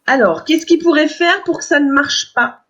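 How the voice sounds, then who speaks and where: A woman's voice: high voice, normal speed, fairly bright tone. A woman co-organizing a webinar, commenting on it in an enthusiastic, reflective way. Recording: dull lo-fi video call audio.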